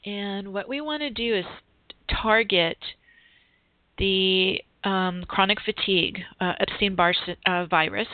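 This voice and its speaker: A woman's voice: medium pitch, unhurried, no room sound. A woman hosting a radio show, guiding listeners through an energy healing session in a commanding, repetitive, incantation-like way. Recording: tinny phone-line audio.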